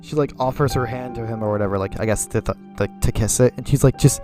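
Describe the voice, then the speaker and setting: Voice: mid-range voice, fast, music in the background. A podcast co-host in laid-back casual chat, swearing and cracking dry jokes about a movie.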